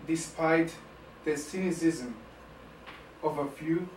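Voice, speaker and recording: Casting note: fairly high-voiced male host, earnest, echoey distant mic. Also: slow pace, slight background noise. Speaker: interview host, editor. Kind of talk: scripted opening then interview questions.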